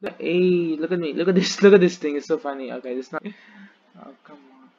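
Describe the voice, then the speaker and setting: A young man with a Tamil accent giving excitable gameplay commentary as a gaming YouTuber, repeating phrases rapidly. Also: on the high side, muffled recording.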